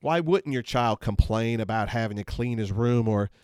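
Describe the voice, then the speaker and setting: A man speaks in an earnest, measured way, teaching parents on a faith-based podcast. His mid-range voice comes through a close mic with a dry, dead sound and no room echo. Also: medium pitch, a little mellow, clean tone. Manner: earnest, measured instructional delivery. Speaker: podcast host.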